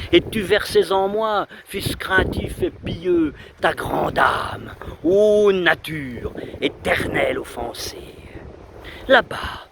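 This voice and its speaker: This is an outdoor recitation of a 19th-century poem, given by a man under trees at a windy seaside. His solemn, declamatory reading includes dramatic pauses, while loud wind strikes the microphone and the rumbling sea roars in the background.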